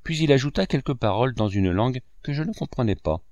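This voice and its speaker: A man narrating a classic novel in a measured storytelling manner. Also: medium pitch, expressive, a little mellow, no echo. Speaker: audiobook narrator.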